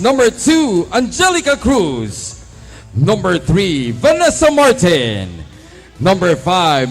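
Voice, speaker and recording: A man working as venue game announcer, calling out player numbers and names in a drawn-out, booming delivery. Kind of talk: arena player introductions.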